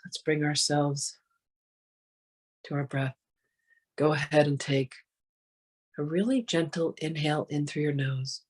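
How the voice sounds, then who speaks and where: With a breathy, soft voice at medium pitch, a meditation guide talks in a soothing, gentle way. Long pauses keep the pace unhurried.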